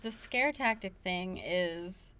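A woman's voice: fairly low pitch, expressive, takes it slowly, fairly bright tone, clean tone. A woman co-hosting a casual podcast, making wry, sarcastic remarks. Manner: wry, dry sarcastic quips. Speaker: podcast co-host. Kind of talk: casual chat.

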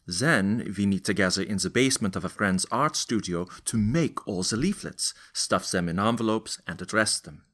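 A man's voice: lowish voice, normal speed, hardly any pauses, fairly bright tone. A man playing an earnest young student rebel. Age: 20s. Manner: earnest, explains step by step. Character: earnest young male student resistance leader. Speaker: interview guest. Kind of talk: dramatized historical interview.

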